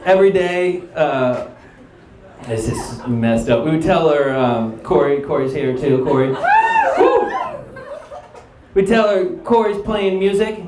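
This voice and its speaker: A young man doing stand-up storytelling on stage, animated and acting out other people's lines. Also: a little high, measured pace, pauses often, background noise. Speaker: stand-up comedian. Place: comedy stage before a laughing audience. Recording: roomy live club with crowd laughter.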